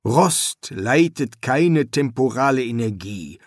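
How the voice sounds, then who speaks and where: A man voicing a flustered middle-aged pyramid builder who talks in a hesitant, halting way. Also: mid-range voice, lively intonation, dry recording, clean studio sound.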